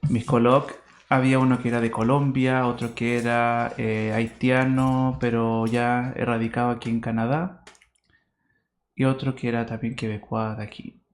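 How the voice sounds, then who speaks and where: A man co-hosting a podcast, speaking in a measured, slightly hesitant conversational way about his own experience. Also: mid-range voice, level tone, reverberant. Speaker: podcast co-host. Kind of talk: conversational interview.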